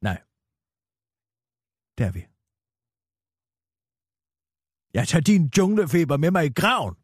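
A man's voice: fairly high pitch, very animated, breathy edge, no echo, clean studio sound. A man playing a brazen, self-important female radio news anchor in satirical comedy, with a needling, theatrical manner. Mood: needling, mocking.

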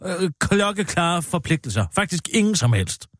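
Animated man rambling in mock-pompous banter. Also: sits high, dry recording, clean studio sound. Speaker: satirical co-host. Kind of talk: comedic political banter.

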